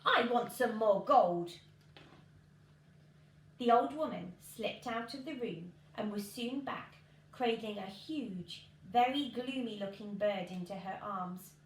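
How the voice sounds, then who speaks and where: A woman with a medium-pitched voice reads a children's story aloud with expression, speaking a little slowly. She's indoors in her living room, recorded by a camera several feet off, and the room echoes with background noise behind her.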